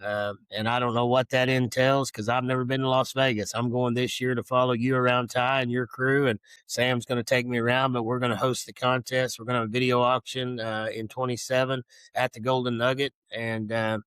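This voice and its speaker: A man, talking as a guest organizer in a casual, folksy, halting interview style. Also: medium pitch, flat delivery, fairly bright tone, smooth, dry recording, low-quality recording.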